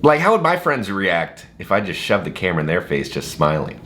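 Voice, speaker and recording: Animated sarcastic male vlogger. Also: low voice, fairly quick. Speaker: vlogger and host. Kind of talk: casual chatty commentary.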